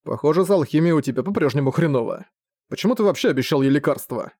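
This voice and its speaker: A man's voice: fairly high pitch, expressive, fast talker, darkish tone, dry recording, studio quality. A man voicing an irritable, determined young magic student who talks in a curt, dismissive way.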